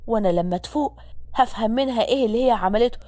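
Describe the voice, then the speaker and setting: A woman's voice: a little high, rapid-fire, warm tone, dry recording, lightly acted. Woman playing a fussing older Egyptian mother. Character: kindly older mother, teasing but caring.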